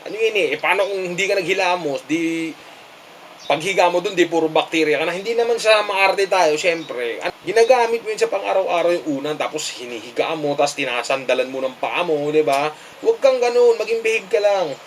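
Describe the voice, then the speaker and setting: A man lectures his audience in a casual, scolding tone and keeps tacking on rhetorical questions. His voice sits high for a man. A faint noise hums under the recording. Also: animated, brisk. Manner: scolding, preachy, repeats "di ba?". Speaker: vlogger giving advice. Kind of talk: casual advice monologue.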